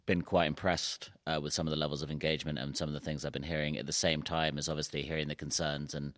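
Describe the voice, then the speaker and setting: A man with a very low voice, speaking in a loose, chatty way with lots of "uh" and "you know". The sound is close and dry, with no room in it. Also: flat delivery, fast, fairly bright tone, no echo. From London. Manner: conversational, many fillers. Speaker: reporter. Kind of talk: studio discussion.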